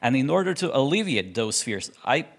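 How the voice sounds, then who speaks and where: A man's voice: mid-range voice, very animated, moderate pace. Man arguing on a panel. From Croatia. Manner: earnest, self-correcting, many restarts. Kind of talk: panel discussion.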